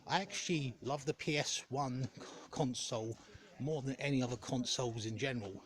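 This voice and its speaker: A man giving a casual, rambling vlog update in a hesitant, halting way, often correcting himself. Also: medium pitch. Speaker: gaming content creator.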